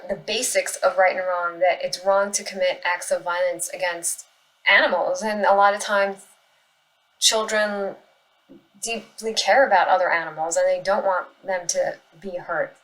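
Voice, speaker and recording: A woman with a mid-pitched voice speaks off the cuff as an activist answering comments. She is earnest and firm, pressing her argument while pausing now and then to find the next phrase. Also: low-quality recording. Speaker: animal rights activist responding to comments. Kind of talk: casual spoken commentary reacting to online comments.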